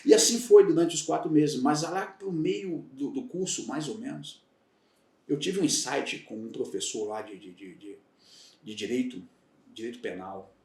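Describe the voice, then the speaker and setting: A man in his fifties from Salvador, Bahia, Brazil, looks back on his career as a retired federal police agent while guesting on a casual podcast. His mid-range, darkish voice is expressive and normally paced, carrying a Bahian Brazilian Portuguese accent, and his reflective, candid storytelling often restarts. Roomy echo makes him sound distant from the mic.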